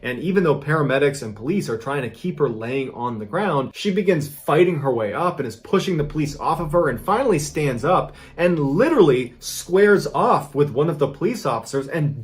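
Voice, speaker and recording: A man narrating a strange true story in a casual, conversational way, building suspense with sudden emphatic lifts. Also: mid-range voice. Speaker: storyteller host.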